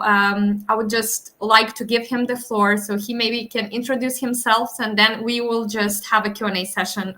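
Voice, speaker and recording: A woman hosts a live webinar over a video call. Her voice is bright and forceful. She talks in a formal, unhurried way and stops often on filler sounds. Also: mid-range voice. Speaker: webinar host.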